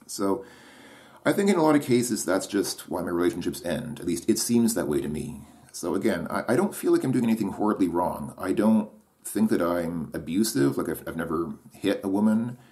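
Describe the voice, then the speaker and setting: Very animated yet at a normal speed, a deep-voiced man works through his thoughts in a solo monologue. His tone is darkish, and he hesitates, restarts and questions himself as he goes.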